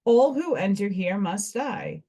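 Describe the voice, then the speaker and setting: A woman's voice: medium pitch, lively intonation, a little slow, dark tone. A woman reading the part of a solemn male death spirit in a stern, ceremonial recitation.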